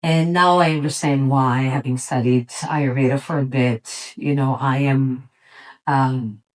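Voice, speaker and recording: Low-voiced woman from Serbia, thoughtful. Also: fairly even intonation, rough recording. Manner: thoughtful, reflective, with frequent pauses and restarts. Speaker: yoga teacher and studio owner, guest. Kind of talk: relaxed conversational interview.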